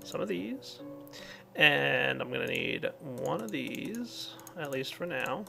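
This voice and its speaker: A man's voice: medium pitch, sing-song, slow pace, vocal fry, music in the background. A man casually commenting on his game as he plays, thinking aloud with lots of fillers. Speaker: let's play host.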